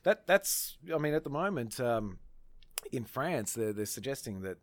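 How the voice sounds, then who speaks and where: An Australian man in an informal radio discussion of current affairs, speaking in a halting, hesitant way. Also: mid-range voice, sing-song, dry recording. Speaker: radio panellist.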